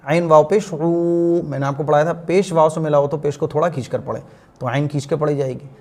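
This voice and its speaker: A man teaching Quran reading in a patient lesson style, asking questions and answering them himself, and slowly drawing out the words he recites to demonstrate them. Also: on the high side, steady tone, darkish tone.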